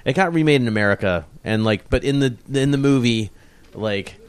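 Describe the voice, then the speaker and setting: A man's voice: medium pitch, a little fast, smooth. A man co-hosting a casual movie commentary, rambling and laughing often. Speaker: podcast co-host.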